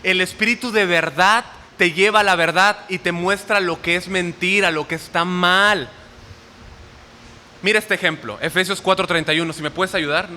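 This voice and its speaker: A man's voice: high-pitched, moderate pace, bright, forceful tone. A man preaching a sermon to a congregation, often asking them short questions as he goes. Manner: asks the audience questions often. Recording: hall reverb with faint noise.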